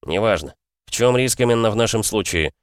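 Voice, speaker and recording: A man's voice: fairly low pitch, expressive, fairly quick, dry recording, studio quality, voice pushed up, lightly acted. A man voicing a defiant young man held captive, heated and indignant, in an audiobook. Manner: heated, indignant, sharp outbursts. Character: young man trapped in a strange world, angry and defiant. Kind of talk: audiobook character voice.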